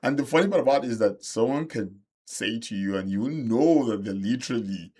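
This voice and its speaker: A man's voice: mid-range voice, lively intonation, fairly quick, darkish tone, breathy edge. A man co-hosting a casual podcast chat, earnest and emphatic, often repeating words for stress. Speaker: podcast co-host.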